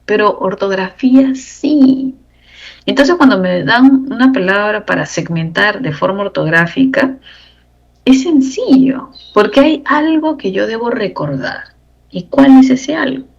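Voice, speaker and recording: A woman lecturing on grammar for exam preparation in a measured teaching voice. She builds each point step by step and keeps asking the class rhetorical check-in questions. The recording sounds a little dull and lo-fi. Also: fairly high pitch, lively intonation, creaky, husky. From Peru. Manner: explains step by step, asks rhetorical tag questions. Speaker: language teacher.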